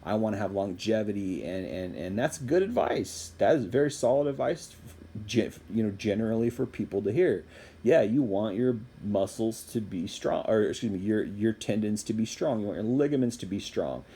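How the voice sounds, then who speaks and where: A man's voice: on the low side, animated, normal speed, mellow, slightly rough. A man giving a casual, rambling opinion monologue as a fitness commentator, repeating phrases for emphasis.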